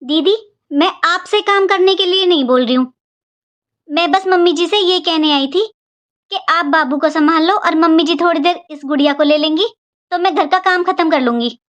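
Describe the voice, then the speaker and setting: A woman's voice: very high voice, normal speed, a bit bright. A woman voicing an overworked young daughter-in-law and new mother who pleads her case in a Hindi cartoon. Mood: pleading. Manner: pleading, complaining, earnest.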